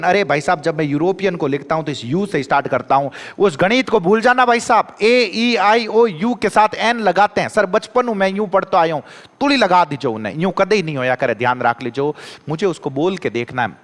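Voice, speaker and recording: Rajasthani-accented male exam tutor, pitched a bit high, animated and dialect-laced, reverberant hall. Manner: animated, rhetorical questions, mixes Rajasthani dialect. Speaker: exam-prep English teacher. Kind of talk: classroom grammar lecture.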